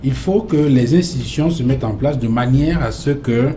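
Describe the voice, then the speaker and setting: A man's voice: medium pitch, moderate pace, warm tone, a little hiss or hum. A man hosting a televised panel debate, asking long winding questions with frequent hesitations. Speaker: TV debate host. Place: TV studio.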